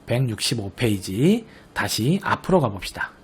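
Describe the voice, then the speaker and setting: Husky-voiced man teaching a lesson. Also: mid-range voice, sing-song. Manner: patient, explanatory, often checks understanding with the class; slowly sounds out example words to model pronunciation. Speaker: Korean language teacher. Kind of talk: recorded online grammar lesson.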